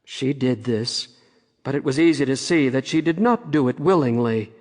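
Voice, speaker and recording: A man narrating a fairy-tale audiobook in a measured storytelling way, with long reverb on the recording. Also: mid-range voice, animated, a little mellow.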